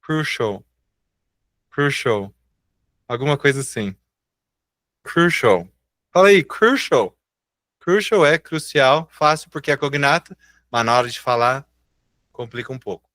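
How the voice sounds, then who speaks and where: A Brazilian man teaching English in a live online class. He speaks with a Brazilian Portuguese accent, is patient and encouraging, and draws out example words slowly. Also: mid-range voice, animated, bright, forceful tone, no echo, clean studio sound.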